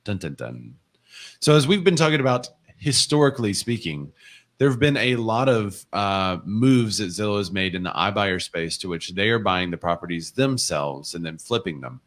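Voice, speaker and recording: A man's voice: on the low side, moderate pace, a bit bright. A man co-hosting a casual real estate livestream, chatting and reading viewer comments and news articles aloud. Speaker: co-host of a real estate show.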